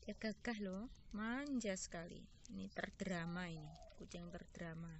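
A woman's voice: lowish voice, unhurried. A woman making a casual vlog while she feeds stray cats, chatting to viewers and cooing at the cats in baby talk. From Indonesia. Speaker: vlogger feeding stray cats. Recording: faint background noise.

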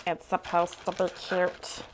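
A young adult woman hosts an unboxing from off camera at an indoor tabletop shoot, chatting casually and gushing over cute things. Her voice sits on the low side and stays monotone at a measured pace, with a slight hiss or hum in the recording.

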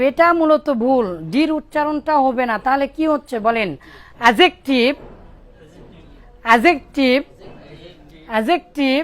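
A woman's voice: sits high, a bit bright. A woman from Bangladesh teaching a class, asking questions and repeating words to drill them. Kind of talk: classroom lecture.

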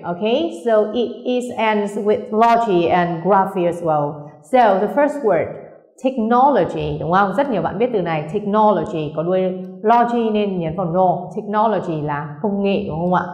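A woman English teacher explaining to students, patiently checking understanding and slowing down for English words. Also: mid-range voice, a little mellow, reverberant. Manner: patient, keeps checking understanding with tag questions; switches between slow spelled-out English and quick explanation.

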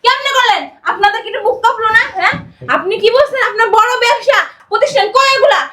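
A woman's voice: very high-pitched, quick pace, sharp tone. A middle-aged woman playing a haughty rich mother who scolds with mocking questions. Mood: scornful. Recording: echoey room.

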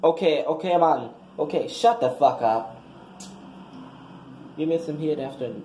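A man's voice: a little high, measured pace, dark tone, slight background noise, close to an everyday voice. A man voicing a brash, foul-mouthed young woman graduate giving a crude, combative speech in a comic skit. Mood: sassy. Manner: crude, combative, trash-talking. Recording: echoey room.

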